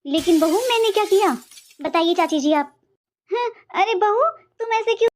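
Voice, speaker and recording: A woman voicing gossiping relatives in a cartoon family skit, in an animated way. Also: extremely high pitch, moderate pace. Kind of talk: comic cartoon voice acting.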